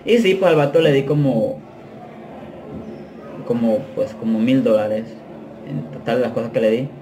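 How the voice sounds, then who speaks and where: A man tells his story straight to camera in a loose, slang-heavy way. He mixes in bits of English and often backs up to restart a thought. His voice sits at an ordinary middle pitch for a man. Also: background noise. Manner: slangy, drops English phrases, halting restarts. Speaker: vlogger telling prison stories. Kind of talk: casual storytelling.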